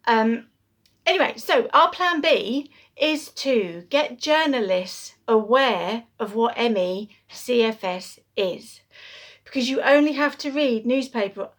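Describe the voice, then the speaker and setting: A woman speaking earnestly to camera in an advocacy vlog, out of breath, pausing and restarting as she talks. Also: fairly high pitch. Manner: earnest, pauses and restarts mid-sentence. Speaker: awareness campaigner.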